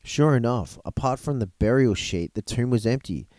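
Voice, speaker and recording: A man reads a story aloud at an unhurried pace, now and then stumbling and restarting a phrase. His voice is mellow and warm. The recording is close and dry, with no room sound. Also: mid-range voice, animated, no echo. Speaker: reader of a storybook gospel. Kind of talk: reading a book aloud.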